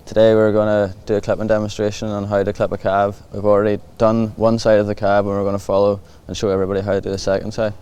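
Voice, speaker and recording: Commentating as he clips livestock, this man from Northern Ireland explains things plainly and practically in a reassuring way. His lowish, dark-toned voice is completely flat and fast, with hardly any pauses. Clipper buzz and machinery noise come through clearly.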